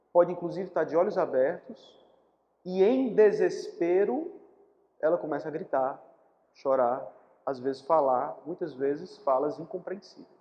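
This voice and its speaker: A Brazilian man giving a live public talk as a spiritist lecturer, explaining patiently and repeating key words for emphasis. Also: fairly high pitch. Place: lecture hall. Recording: dull recording in a reverberant hall.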